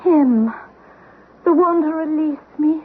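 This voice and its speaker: In an old radio horror drama, an actress voices the restless ghost of a dead mother, plaintive, ethereal, and pleading. Her high-pitched voice moves slowly, carrying a mournful tone. The vintage recording is noisy and muffled.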